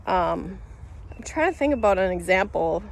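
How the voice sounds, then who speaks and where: A woman's voice: medium pitch, expressive, normal speed, creaky, a little hiss or hum. A woman telling a story to camera in a casual, rambling way, full of fillers and restarts, laughing as she goes. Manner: rambling, many fillers and self-corrections; laughs through her telling. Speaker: vlogger.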